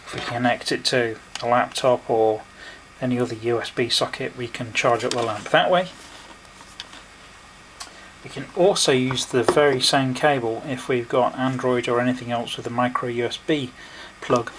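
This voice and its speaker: A product reviewer demonstrates an item hands-on, walking through each step in short, unhurried phrases. His medium-pitched voice is fairly even and a bit bright, and the home recording is plainly noisy with clicks.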